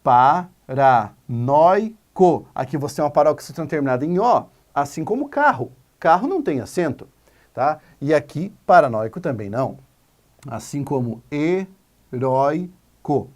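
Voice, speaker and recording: Male teacher, animated pitch, emphatic video lesson voice. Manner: lively, emphatic, spells out words slowly. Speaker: Portuguese teacher.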